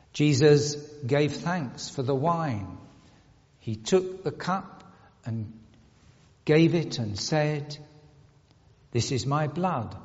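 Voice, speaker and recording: Priest guy reciting the communion prayer real slow, big cathedral echo, kinda muffled dull recording. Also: mid-range voice, darkish tone. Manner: slow, measured, solemn intoning. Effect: long cathedral-like echo. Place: large church. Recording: dull, echoey church recording from afar.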